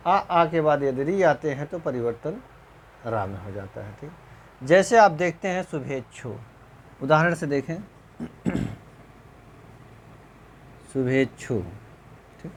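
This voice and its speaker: Male teacher going super slow over a grammar lesson, clears his throat a lot, keeps asking if you got it, voice drops low on answers. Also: animated, a little hiss or hum. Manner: slow, repetitive, checks understanding with rhetorical questions. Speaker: Hindi teacher. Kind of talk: recorded exam-prep lecture.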